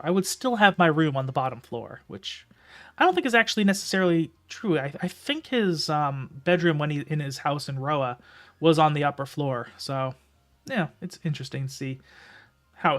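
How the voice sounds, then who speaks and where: A man's voice: on the high side, a bit bright. A man streaming live, reading a novel aloud and commenting casually in a rambling way with filler words.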